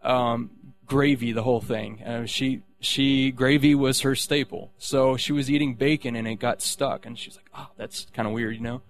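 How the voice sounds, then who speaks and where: A man's voice: medium pitch, fairly even intonation, normal speed, few pauses, soft background music. A man sharing a personal faith testimony, rambling, with many restarts and fillers.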